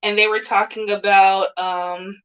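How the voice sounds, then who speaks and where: A woman's voice: mid-range voice, level tone, a little slow, a bit bright, smooth, muffled recording. A woman interviewing in a casual live chat over a video call, talking in a rambling way with lots of "like".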